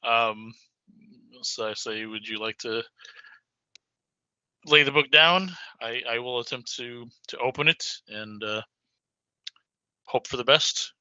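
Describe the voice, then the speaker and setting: Bright, tense-voiced man playing a tabletop game. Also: mid-range voice, takes it slowly, long pauses, clear, resonant tone, dry recording. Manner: hesitant, many fillers and restarts. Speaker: player. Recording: dry, dull lo-fi audio.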